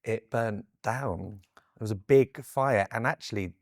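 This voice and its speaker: Effusive man with a lowish voice. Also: a little slow, no echo, studio quality. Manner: effusive, emphatic storyteller. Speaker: guest author and children's storyteller. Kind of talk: animated interview chat.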